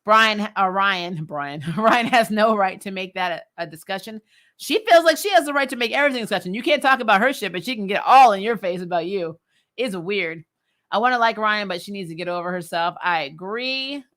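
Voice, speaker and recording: A woman with a medium-pitched, fairly bright voice runs a recap livestream, reading viewer comments and responding in casual chat. Her take is blunt and opinionated, delivered in an exasperated, giggly way.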